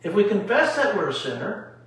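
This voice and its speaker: A man's voice: sits high, wildly swooping pitch, brisk, fairly bright tone. A male pastor teaching a Bible study at home with emphatic rhetorical questions, recorded in an echoey room from a distance. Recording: echoey room from far off, faint noise.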